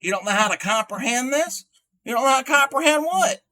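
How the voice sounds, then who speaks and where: A man playing a chatty ninety-year-old grandmother who hosts a livestream, rambling folksily and halting with fillers. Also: sits high, animated, bright, forceful tone, exaggerated voice. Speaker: livestream host showing crochet. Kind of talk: in-character livestream chat.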